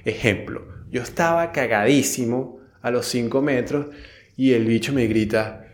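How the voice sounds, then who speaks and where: A man's voice: medium pitch, a little slow. Young Venezuelan man, casual storyteller, slangy and profane, rambles with restarts.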